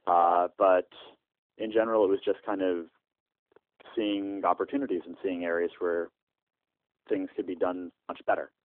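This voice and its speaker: A man speaks in a very low voice over a landline phone, and the line sounds thin and tinny. The sound is dry and close. He answers in a halting way, with many "uh" fillers and restarts. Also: flat delivery, dry recording. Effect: heard over a landline phone. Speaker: startup founder interviewed by phone.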